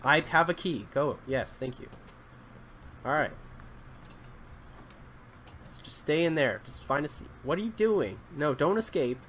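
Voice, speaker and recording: A young man hosts a Minecraft series, chatting casually and improvising as a bossy, exasperated detective with lots of ums and uhs. His voice is on the high side, expressive and a bit bright, at normal speed, with a little hiss or hum in the recording.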